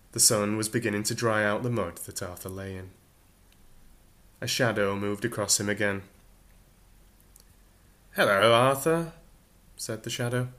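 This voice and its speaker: A man narrating an audiobook in a calm, measured style for relaxation and sleep, with a dry, unhurried delivery. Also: on the low side.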